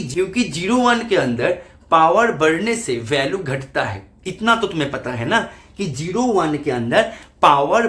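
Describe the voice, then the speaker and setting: A man's voice: fairly high pitch, a bit bright. A man teaching maths in an online exam-prep lecture, walking students through each step by asking and answering his own questions.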